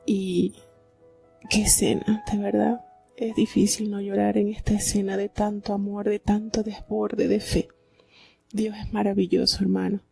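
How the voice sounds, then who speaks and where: A woman's voice: medium pitch, little pitch movement, a little slow, vocal fry, a little mellow, husky, faint music behind. A woman from Venezuela, giving heartfelt devotional Bible commentary and often asking her listeners "¿verdad?".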